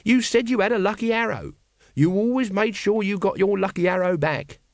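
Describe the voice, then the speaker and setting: A man puts on a weaselly little city watchman with a thin, high, wheedling voice. It is cheeky and needling, recorded close with no room sound. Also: expressive, moderate pace, no room sound.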